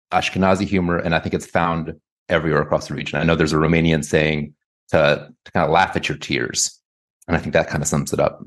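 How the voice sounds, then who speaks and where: A man from the United States speaks as an interview guest, working through his answers with a lot of hedging. His voice is very low. He talks in a loose, thinking-aloud way. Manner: thoughtful, hedging, many "kind of" and "like". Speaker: guest author.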